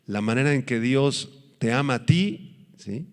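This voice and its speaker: A man preaching a sermon, his voice sitting at an ordinary middle pitch. He teaches with lively emphasis and stretches words out when he makes a point. The sound carries a long reverb, like a large hall. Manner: animated preaching, acts out quoted voices, slows for emphasis. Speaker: pastor.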